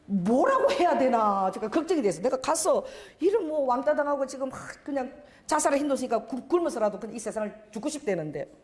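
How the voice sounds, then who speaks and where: Animated woman pastor preaching. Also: sits high, roomy sound. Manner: animated, dramatic storyteller who acts out scenes. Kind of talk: sermon with storytelling.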